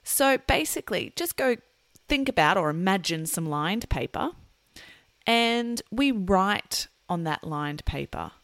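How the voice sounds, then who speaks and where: A woman hosting a podcast for English learners, explaining things in a measured, teacherly manner. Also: mid-range voice, expressive, fairly bright tone, no room sound.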